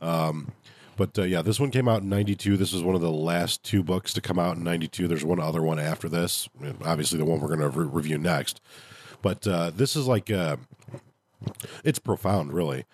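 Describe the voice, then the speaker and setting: A man's voice: deep voice, a little fast. A man hosting a podcast in casual review talk, with a nasal voice stuffed up from a cold. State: congested from a cold. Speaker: podcast host.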